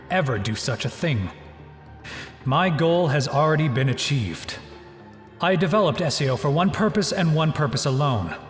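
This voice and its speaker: A man's voice: a little high, lightly acted. Man voicing a cold, echoing anime villain. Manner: formal, measured, theatrical announcing. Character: cold, godlike male game-creator villain. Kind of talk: anime fan dub voice acting. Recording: echoey, long hall reverb.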